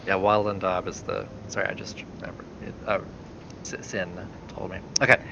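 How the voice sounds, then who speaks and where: A man's voice: low-pitched, little pitch movement, moderate pace, vocal fry, lo-fi sound, background noise. A man narrating a tabletop game as game master, hesitant and full of fillers.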